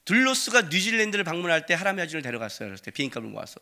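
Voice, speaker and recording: A man in his forties preaching a sermon in a church, telling stories animatedly and acting out the people in them with sudden loud outbursts. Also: a little high, very fast. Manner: animated storytelling, acts out quoted voices with sudden loud outbursts. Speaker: pastor. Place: church sanctuary.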